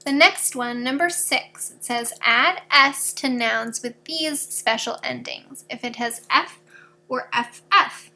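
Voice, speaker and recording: A woman's voice: high-pitched, slow pace, pushed and bright. A woman teaching a fourth grade class in a recorded video lesson, patiently explaining grammar rules step by step with examples.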